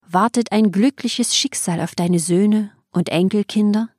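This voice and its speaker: A woman's voice: mid-range voice, measured pace, a little mellow, no echo, studio quality, lightly acted. Vishwamitra, woman reading a courteous royal sage. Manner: formal, ceremonious address. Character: male royal sage, a king, courteous and formal. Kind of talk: audiobook reading.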